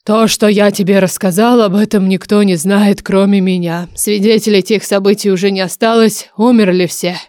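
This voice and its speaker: A woman voicing an ancient, grumpy, secretive male dragon oracle who speaks telepathically, in a slow, loud, grumbling manner, in an audiobook. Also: medium pitch, fairly even intonation, no room sound, clean studio sound, natural voice. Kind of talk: audiobook character voice.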